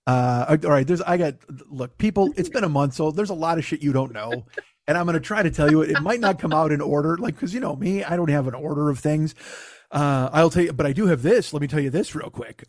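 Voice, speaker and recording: A man hosting a podcast with a hoarse, gravelly voice as if gargling broken glass, ranting casually and comically with swearing and self-mockery. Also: on the high side, quick pace, no room sound, clean studio sound. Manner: ranting, foul-mouthed, self-deprecating. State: hoarse after losing voice. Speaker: podcast host. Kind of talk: casual comedic monologue.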